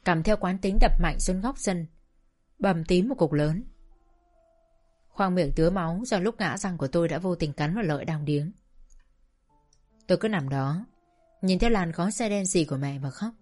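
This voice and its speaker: A woman narrating a sad first-person story in a slow, sorrowful storytelling manner. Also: fairly low pitch, darkish tone, soft background music.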